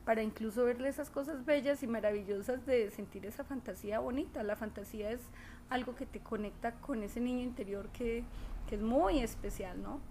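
A woman chatting casually, expressive and animated as she tells stories, softer and musing when she reflects. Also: on the high side, a little fast, a little hiss or hum. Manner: expressive, animated storytelling with put-on quoted voices. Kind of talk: casual chat.

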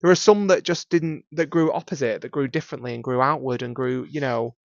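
A young adult man with a Northern English accent co-hosts a podcast in casual chat, sounding blunt, opinionated and teasing. His mid-range voice moves fairly quickly with some vocal fry. The dry podcast mic gives a slightly dull sound.

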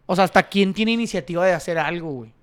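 Un hombre con acento mexicano que platica de manera informal y cuenta anécdotas con mucha jerga callejera, repitiendo frases. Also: male voice, high voice, fast talker, a bit bright, clear, resonant tone. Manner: slangy northern-Mexican street talk, repeats phrases. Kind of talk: casual chat with slangy storytelling.

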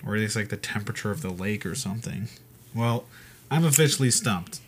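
A young man with a lowish, husky voice co-hosts a casual podcast, talking a little fast. He jokes around and reads facts aloud in a laid-back, chatty way.

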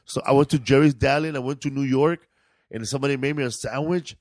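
A California podcast host talks fast in a mid-range, fairly even voice, keeping the comedic chat laid-back, slangy and repetitive. The studio recording is clean with no echo.

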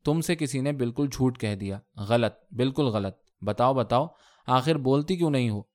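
A man's voice: medium pitch, close to an everyday voice. A man voicing a playful young husband who teases his wife in a mock-stern way, in a read-aloud story.

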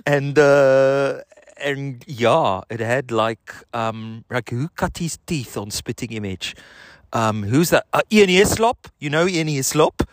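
Speaking slowly in a mid-range voice, a middle-aged man from South Africa records a laid-back, profane, self-mocking video message in his South African accent. Although he uses a handheld recorder, the sound is dry and studio quality.

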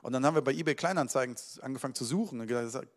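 A pastor preaching a sermon to his church. This man speaks with energy, pushing some points out loudly and dropping others to a near murmur. His voice sits at an ordinary middle pitch. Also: rapid-fire. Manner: energetic, swings between loud emphasis and quiet asides.

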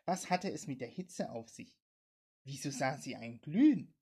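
A woman narrating a suspense story aloud in a steady, dramatic way. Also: rumbling low, unhurried, slightly rough.

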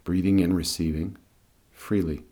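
Very deep-voiced man guiding meditation, husky. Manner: calm, soothing, unhurried instruction. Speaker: guided meditation and breathing teacher. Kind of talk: guided meditation.

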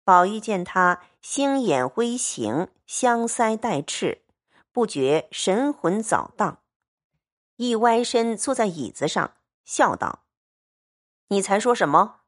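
A woman narrating a classic novel as a storytelling reading, measured and expressive. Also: medium pitch.

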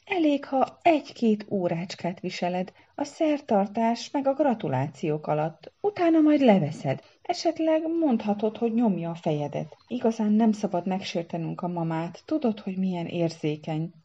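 A nervous young male bird from a storybook, as a woman acts him out, eager to please and quick to stammer. The voice sits a touch higher than a low, husky base, with a warm dark tone. The recording sounds a little dull and lo-fi. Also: sing-song. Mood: pleading. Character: timid, mother-devoted young male bird groom.

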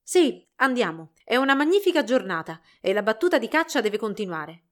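A woman's voice: fairly high pitch, very animated, a little fast. A woman voicing a jovial royal prince who speaks in hearty, cheerful proclamations.

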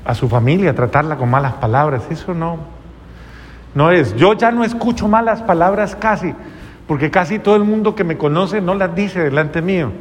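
A priest preaches with earnest conviction, asking his listeners pointed rhetorical questions. His voice sits a little high for a man and carries a long church reverb. A faint ambient hum lies underneath. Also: moderate pace. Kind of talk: sermon.

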